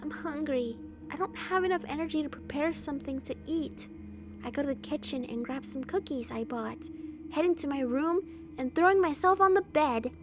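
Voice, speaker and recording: High-voiced woman streamer reading aloud. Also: normal speed, over music. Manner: playful, laughs between lines. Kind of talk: reading a story game aloud.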